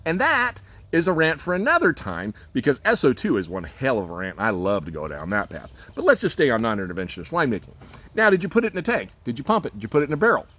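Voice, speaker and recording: A man's voice: mid-range voice, huge pitch swings, fast, a bit bright. A man winemaker ranting casually to camera, full of sarcastic rhetorical questions and folksy asides. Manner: folksy, swears lightly, laughs at own jokes. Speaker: winemaker giving a rant. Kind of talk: casual spoken rant to camera.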